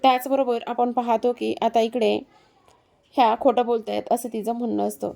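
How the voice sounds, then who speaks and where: A woman's voice: a little high, little pitch movement, normal speed, creaky, dark tone. A woman narrating a recap of a TV serial's episode, retelling it steadily with frequent fillers.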